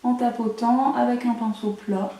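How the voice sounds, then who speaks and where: This young woman's voice is fairly high and mellow, with fairly even intonation and a moderate pace. She's a beauty vlogger talking through a makeup tutorial in a room at home, joking at her own expense. She's far from the mic, and the room echoes.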